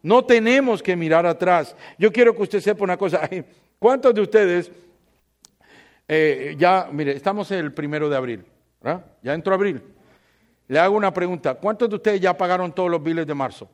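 A man preaching a sermon to a congregation, moving between hushed storytelling and loud, impassioned preaching, joking with the crowd. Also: sits high, normal speed. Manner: jokes with the congregation. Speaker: pastor. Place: church before a congregation.

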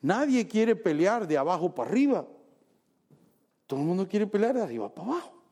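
A man preaching a sermon, telling a story in an animated way with jokes. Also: high-pitched, fairly quick.

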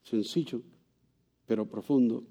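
A man giving a sermon as pastor, asking rhetorical questions and swinging from loud, high passages to soft, low ones. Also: steady tone, unhurried.

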